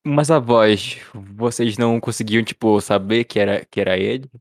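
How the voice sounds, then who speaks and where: A man's voice: lowish voice, normal speed, no echo, clean studio sound. A man with a Brazilian Portuguese accent, co-hosting a podcast in casual chat and often stumbling and restarting his words. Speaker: podcast co-host.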